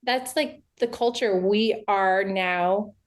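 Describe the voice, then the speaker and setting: A woman's voice: mid-range voice, slow pace. An older woman, a podcast guest, talking earnestly and reflectively over a video call, with frequent restarts. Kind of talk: casual podcast interview.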